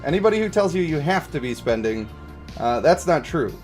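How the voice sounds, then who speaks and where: A brisk, very animated man with a slightly high voice hosts a game stream with music behind him. In casual chat he responds to viewer comments, explains his opinions and checks for agreement.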